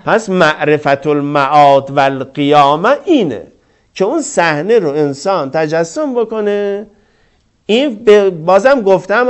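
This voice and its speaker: A man's voice: sits high, clear, resonant tone. Guy preaching a sermon, lots of rhetorical questions, voice swings way up and down. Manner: impassioned, rhetorical questions, quoting scripture. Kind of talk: religious sermon.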